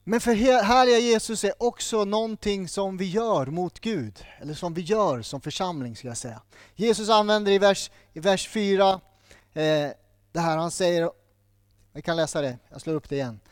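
Guy preaching a sermon, pretty high voice, dry close sound, keeps repeating short lines for punch. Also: dry recording. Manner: emphatic, stacks repeated short phrases.

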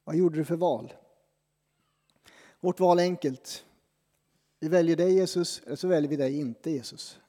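A man preaching as a pastor, his voice a little higher than usual for a man but dark and mellow in tone. He talks in a conversational, self-deprecating way, with dramatic pauses. A long reverb from a church hall trails after his words. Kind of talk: sermon.

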